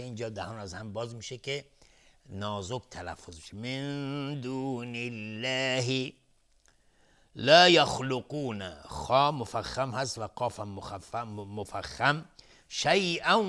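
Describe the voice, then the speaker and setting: In a television studio, a man delivers a tajweed lesson on Quran recitation rules, explaining methodically and drilling sounds by repetition. His voice is on the low side with a fairly bright tone.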